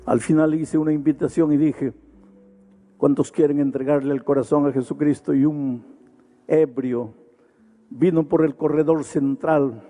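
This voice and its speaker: Pastor guy preaching hard in a big arena, dark warm voice, keeps repeating himself. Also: fairly high pitch, fairly even intonation, measured pace, faint music behind. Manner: impassioned preaching with emphatic repetition. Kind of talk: evangelistic sermon. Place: large arena.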